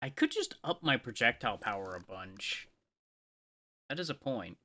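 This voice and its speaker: Bright, lively-voiced male game streamer. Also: mid-range voice, moderate pace. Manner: playful, excitable, mock-boastful trash talk. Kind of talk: live gameplay commentary.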